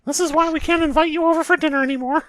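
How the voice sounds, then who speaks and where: A man's voice: extremely high pitch, fairly even intonation, racing, fairly bright tone, voice pushed up. A man voicing a prim, pious, preachy cartoon mouse boss in a comedy riff.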